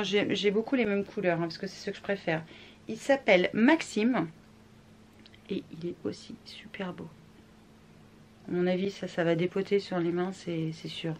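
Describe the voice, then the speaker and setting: A woman's voice: medium pitch, far from the mic, slight background noise. A French woman chatting casually in a beauty vlog at home, rambling with fillers and laughing often. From France. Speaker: beauty vlogger. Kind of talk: casual product review vlog.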